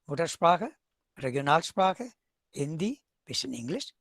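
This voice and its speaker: Speaking unhurriedly at a webinar, this Tamil-speaking professor from South India delivers an academic talk in English and German, with an Indian accent and wry, deadpan remarks. His fairly high, fairly bright voice swings widely in pitch. The recording is dry.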